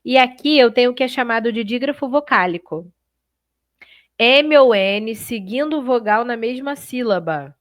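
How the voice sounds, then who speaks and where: A woman teaching Portuguese in a live online exam-prep class, chatty and lively, talking straight to her students and checking in often. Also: a little high, normal speed, dry recording, studio quality.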